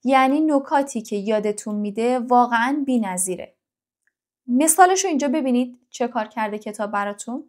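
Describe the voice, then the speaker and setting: A young adult woman teaching an English lesson to teenagers, speaking directly and encouragingly to the learner and repeating words slowly to drill them. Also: a little high, lively intonation, a little mellow. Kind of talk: online English lesson for teens.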